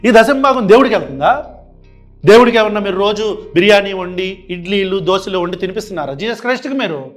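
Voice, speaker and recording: Indignant reaction commentary comes from a very high-voiced man who talks fast and expressively. He keeps firing off sarcastic rhetorical questions over faint background music.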